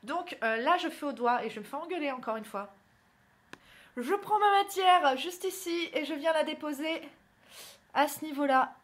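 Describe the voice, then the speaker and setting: A woman's voice: sits high, animated, normal speed. A young woman from northern France, chatty and self-mocking, talking through her makeup routine in a casual tutorial. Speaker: beauty vlogger. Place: indoors at home, by a window.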